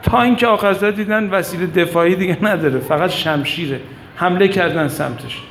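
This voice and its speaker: A man preaching a religious sermon, telling stories with impassioned rises and hushed drops. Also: a little hiss or hum. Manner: impassioned, rising to cries and dropping low. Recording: echoey room with faint ambience.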